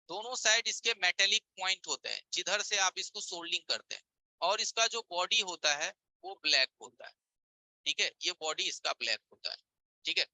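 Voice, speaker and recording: A man's voice: sits high, bright, forceful tone, no room sound, low-quality recording. A man teaching a live online repair class, explaining with everyday examples and rhetorical check-in questions over a screen share. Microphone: voice-over on a screen-share stream.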